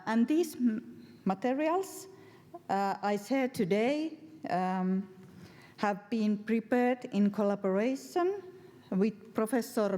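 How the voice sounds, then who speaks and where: A woman with a Finnish accent gives a formal prepared presentation in careful, measured non-native English. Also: medium pitch, warm tone. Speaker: education official and professor giving a presentation. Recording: reverberant hall.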